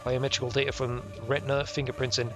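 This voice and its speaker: A man streams a visual novel, reading its text aloud quickly at a medium pitch with little pitch movement. He's irreverent, ad-libbing jokes and muttering offhand reactions, while game music plays behind him.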